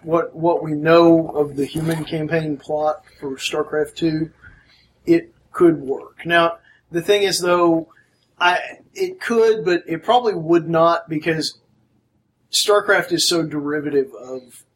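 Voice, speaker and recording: A man's voice: fairly high pitch, takes it slowly, a little hiss or hum, low-quality recording. A man co-hosting a casual podcast, dropping sarcastic quips and firm opinions. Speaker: podcast co-host. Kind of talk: casual chat.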